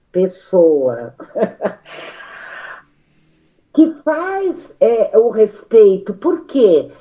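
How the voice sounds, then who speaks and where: Brazilian woman, unhurried, dark warm tone, restarts a lot. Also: mid-range voice, dull audio. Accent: Brazilian Portuguese. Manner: animated, gesturing, many fillers and restarts. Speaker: study group participant. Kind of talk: spoken reflection in a study meeting.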